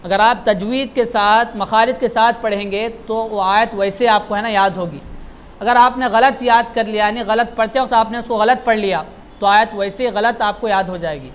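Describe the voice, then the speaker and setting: High-voiced man teaching Quran recitation. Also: fairly even intonation. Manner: explains patiently, often adds "hai na", slows down to model recitation line by line. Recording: dull lo-fi sound with faint noise.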